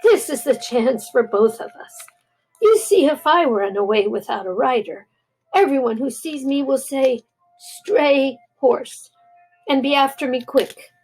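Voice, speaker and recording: Older lady doing a bossy talking war horse from a storybook, proud and blunt, kinda husky, high and slow. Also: animated, faint music behind, full character voice, low-quality recording. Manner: scornful, bossy, then gently coaxing.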